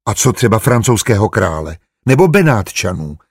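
A man voicing a smooth-talking, amused male spy disguised as a cleric in an audiobook, with a low, husky voice. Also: very animated, dry recording, clean studio sound, heavily acted. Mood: smug.

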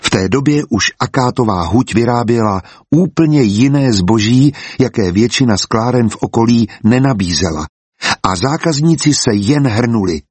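A man narrating a storybook as an audiobook, in a calm and even way. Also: mid-range voice, husky, no echo.

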